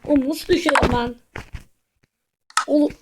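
A woman's voice: sits high, fairly even intonation, moderate pace. A woman giving casual commentary while playing a video game, who flares up in frustrated outbursts and mutters to herself. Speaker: gamer. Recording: loud background noise and clicks.

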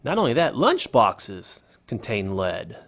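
A man's voice: lowish voice, huge pitch swings, takes it slowly, a bit bright, exaggerated voice. A man reading an English voice-over for a signed conversation, in a conversational scripted style. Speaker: voice-over for a signing speaker.

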